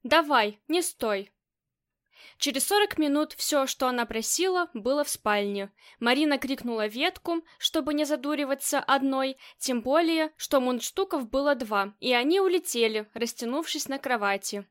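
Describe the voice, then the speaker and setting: A woman narrating a crime novel as an audiobook, with steady, even storytelling. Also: high voice, normal speed, hardly any pauses. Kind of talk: scripted narration.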